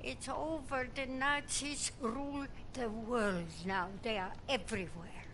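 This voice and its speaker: A weary old grandmother, sorrowful but firm in a video game scene. She speaks slowly in a high voice, with faint ambience behind her. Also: fairly even intonation, fairly bright tone, slight background noise.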